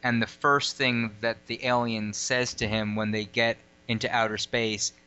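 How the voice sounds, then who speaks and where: A man of ordinary pitch talks in a rambling, digressive way, full of "uh" and "you know". His voice is bright and crisp, and the sound is a little dull and lo-fi. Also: little pitch movement, a little slow. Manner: rambling, digressive, lots of fillers. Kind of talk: casual chat. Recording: lo-fi audio.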